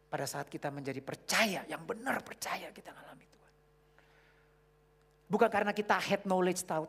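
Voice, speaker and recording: A man preaching a youth sermon, swinging from hushed, low asides to loud, emphatic bursts. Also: husky.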